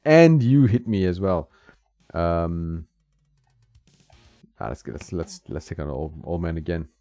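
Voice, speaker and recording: Deep-voiced and mellow, this man speaks a little slowly but with animation as he plays a retro fighting game for his video. He chuckles a lot and answers the game back. The audio is dull and dry, with game music in the background.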